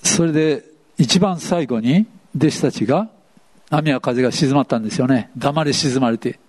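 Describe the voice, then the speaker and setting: A man's voice: medium pitch, expressive, normal speed, darkish tone. A man preaching a sermon, playfully asking the congregation questions as he goes. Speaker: pastor. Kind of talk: interactive sermon.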